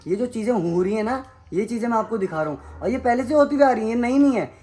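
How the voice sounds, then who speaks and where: A man's voice: very high-pitched, animated, fast, a little mellow. Young indian guy ranting to camera at home, heated and accusing, keeps repeating himself. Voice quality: heated, accusing, repetitive outbursts. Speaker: vlogger. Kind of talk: angry vlog rant to camera. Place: family home, indoors.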